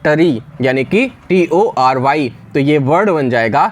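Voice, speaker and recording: A man teaching English spellings for exams, spelling words out slowly letter by letter and checking in often. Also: fairly high pitch, expressive. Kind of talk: exam spelling lesson.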